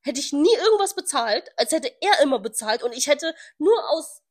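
A young podcast co-host with a slightly high voice tells a story in a casual, animated chat. Her delivery is lively, and she swears freely as she reads out text messages. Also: moderate pace.

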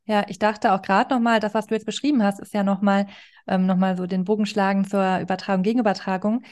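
A young woman talks as a psychotherapist in a relaxed conversation, tying one idea to the next as she reflects. Her voice sits at an ordinary middle pitch. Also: fast. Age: young adult. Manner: reflective, links ideas as she goes. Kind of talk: casual professional conversation.

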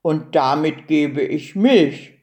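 A woman voicing a placid female cow in a children's storybook, speaking low and matter-of-factly. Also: slow pace, a little mellow. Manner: low, matter-of-fact, patiently explaining. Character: slow, deep-voiced placid female cow.

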